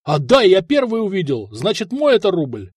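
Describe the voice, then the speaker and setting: Rowdy, greedy mercenaries, as a male narrator shouts them, whooping and squabbling. Their voices jump high and loud, with a dry close sound. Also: normal speed, breathy edge, no echo, full character voice. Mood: greedy yelling. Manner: yelling, excitable.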